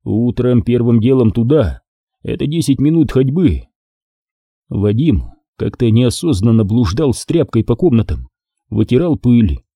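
A man narrating an audiobook with expressive reading. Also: mid-range voice, a little slow, no room sound. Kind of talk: scripted narration.

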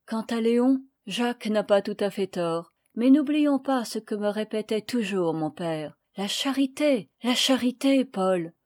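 A woman's voice: fairly high pitch, expressive, a little slow, hardly any pauses, darkish tone. A woman reading aloud, voicing a proud, strong boy who speaks firmly in a storybook. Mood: tender. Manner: firm and commanding.

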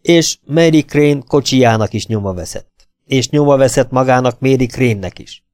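A man voicing a calm, sly middle-aged detective, measured and needling. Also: mid-range voice, dry recording, studio quality, voice pushed up, lightly acted. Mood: probing.

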